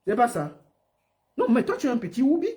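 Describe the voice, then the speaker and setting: A woman's voice: a little high, huge pitch swings, fairly quick, warm tone. A woman ranting on a livestream, mocking and scolding someone with lots of repetition. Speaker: online personality. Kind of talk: livestream rant.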